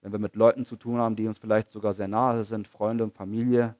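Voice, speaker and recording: A man preaching a sermon in an earnest manner, asking rhetorical questions, repeating phrases and slowing down on key lines. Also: on the low side, little pitch movement, darkish tone, no echo, muffled recording.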